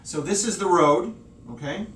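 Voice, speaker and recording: Lively male English teacher with a fairly high voice, recorded from a distance in an echoey classroom. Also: moderate pace, slight background noise. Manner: lively, checks in constantly with "okay?" and "right?". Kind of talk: classroom-style video lesson. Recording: echoey room, voice a bit far off.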